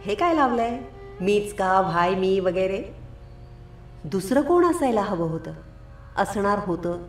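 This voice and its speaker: A woman's voice: mid-range voice, very animated, a little slow, reverberant, faint music behind. Woman playing an earnest, hurt young wife. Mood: anguished, questioning. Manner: gentle, questioning, anguished.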